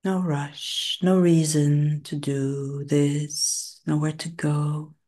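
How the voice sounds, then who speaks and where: A female meditation guide leads a body relaxation and breathing session in a low, level voice. She speaks slowly and soothingly in short phrases with long pauses, sometimes slipping into a soft whisper.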